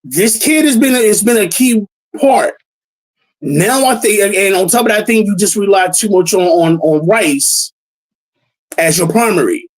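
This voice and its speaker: High-voiced male host for a casual sports chat, excitable, stammering over his words. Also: a little slow, rough recording. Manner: excitable, stammering, repeats himself. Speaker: podcast host.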